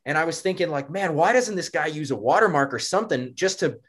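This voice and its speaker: A man's voice: on the high side, animated, fast, fairly bright tone. Rambling, laughing young man on a podcast. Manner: rambling, laughing, lots of fillers and restarts. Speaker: podcast co-host. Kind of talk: casual podcast chat.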